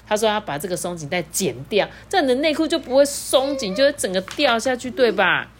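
A woman, a mother reading a children's story aloud in a playful, animated way and asking her child questions. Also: a little high, fairly quick, slight background noise.

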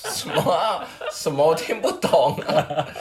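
A podcast co-host, telling and judging jokes in casual chat and bursting into high laughter often. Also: a little slow, vocal fry, crowd noise. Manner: animated, swings pitch widely.

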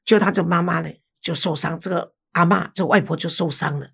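Older woman, gravelly husky storyteller. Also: fairly low pitch, steady tone, a little fast. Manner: storytelling, acts out quoted people. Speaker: host and counselor. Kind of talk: podcast chat, telling a case story.

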